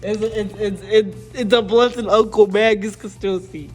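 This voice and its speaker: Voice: medium pitch, fairly even intonation, normal speed. A livestream host chatting casually while cooking, with crude, profane, teasing banter aimed at viewers and stammered, repeated phrase openings. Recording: music and sizzling pan behind. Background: music, food frying.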